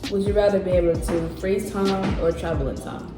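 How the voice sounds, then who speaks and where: A young woman joins a food challenge as a guest and teases the host with quick, playful comebacks. Her voice bounces around an echoey room with music playing behind it. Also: medium pitch, fairly even intonation. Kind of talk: casual mukbang chat.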